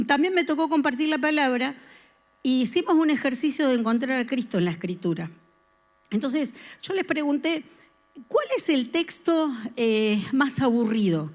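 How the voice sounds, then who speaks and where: A middle-aged woman, preaching a sermon and asking the congregation questions. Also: sits high. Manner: lively, talks with the congregation and asks them questions. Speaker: church speaker.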